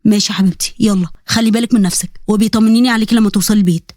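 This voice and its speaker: A woman putting on a heartbroken young man, pleading and emotional in an Egyptian accent. He talks in a rush, the words tumbling out fast. The sound is dry and close. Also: mid-range voice, steady tone, a little mellow, no echo, lightly acted. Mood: arguing.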